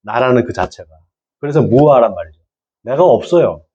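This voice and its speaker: A man's voice: medium pitch, expressive, moderate pace, breathy edge, muffled recording. A middle-aged man, a pastor, giving a church lecture to lay people, often questioning his listeners and repeating key words.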